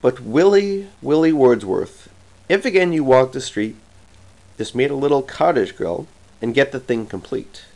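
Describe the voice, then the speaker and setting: A man reciting a comic verse poem with a slow, theatrical, rhythmic delivery. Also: mid-range voice, expressive, vocal fry, a little mellow, rough recording. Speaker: poetry reader. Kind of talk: dramatic poetry recitation.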